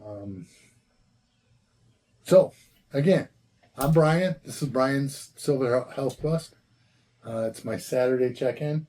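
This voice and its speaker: A man in his sixties giving a casual vlog check-in outdoors, talking in a relaxed, rambling way with plenty of fillers. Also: mid-range voice, slow pace, pauses often. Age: 60s. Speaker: vlogger. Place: outdoors, walking and at a golf course.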